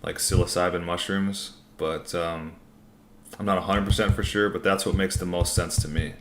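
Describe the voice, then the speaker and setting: A man's voice: deep voice, fairly even intonation, normal speed, slight background noise. A man hosting a casual livestream Q&A, reading out comments and answering in a laid-back, informal, rambling way. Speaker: livestream host.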